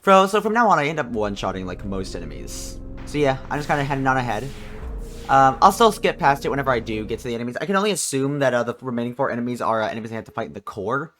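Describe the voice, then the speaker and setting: A man's voice: medium pitch, sing-song, racing, fairly bright tone, soft background music. A young man hosting his own gaming channel, chatting casually and thinking aloud as he plays. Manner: rambling, thinking aloud with fillers. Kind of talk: casual let's-play commentary.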